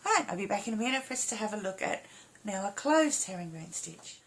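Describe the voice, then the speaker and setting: Speaking fast at medium pitch with big swings, a woman teaches embroidery in a casual step-by-step tutorial. Her voice is slightly hoarse and croaky, and her instructions come in short, informal phrases.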